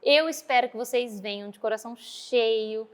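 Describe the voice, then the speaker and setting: A woman's voice: on the high side, moderate pace. Earnest Brazilian woman teacher. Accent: Brazilian Portuguese. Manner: earnest, storytelling, acts out dialogue. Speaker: children's religious teacher. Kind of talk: heartfelt talk at a training course.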